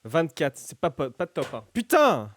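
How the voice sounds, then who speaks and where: A man's voice: medium pitch, normal speed, darkish tone. A man chatting casually as a tabletop role-play player, jokey and thinking aloud, often repeating words. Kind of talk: casual game chat.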